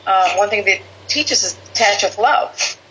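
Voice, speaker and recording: A woman guest telling a personal story in conversation, animated, quoting people in lively voices. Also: medium pitch, normal speed. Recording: slightly dull lo-fi audio with faint background hiss.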